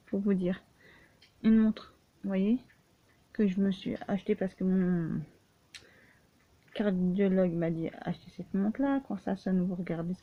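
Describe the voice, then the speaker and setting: A woman speaks in a casual personal vlog, halting and full of restarts, sounding tired and a bit breathless. Her voice sits slightly low. The recording is narrow and tinny, like a phone line. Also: gravelly. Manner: halting, many restarts and fillers, frequent "voilà". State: often tired and short of breath. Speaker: vlogger.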